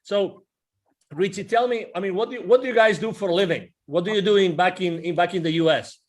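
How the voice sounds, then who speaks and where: A man's voice: sits high, fast. A man co-hosting a casual interview, rambling and enthusiastic, often repeating words. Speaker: podcast co-host.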